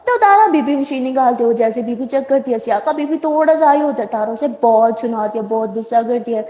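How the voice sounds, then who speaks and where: High-voiced woman narrating a story. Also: lively intonation, warm tone. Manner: chatty, asides to the listener. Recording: echoey room with long reverb.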